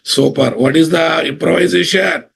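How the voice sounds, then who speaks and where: A man's voice: on the high side, moderate pace, gravelly, fairly bright tone, slight background noise. A man with a Telugu Indian English accent teaching an informal live online class as an instructor, repeating phrases and checking understanding with questions. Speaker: software instructor.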